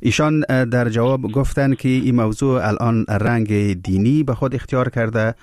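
A man hosting a radio interview, asking polite, probing questions with drawn-out hesitations. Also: medium pitch, darkish tone, dry recording, studio quality. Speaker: radio host.

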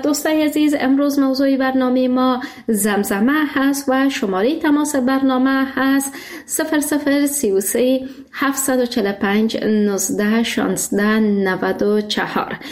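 Afghan woman radio host, higher-pitched voice. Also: steady tone. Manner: courteous, friendly. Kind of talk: conversational radio phone-in hosting.

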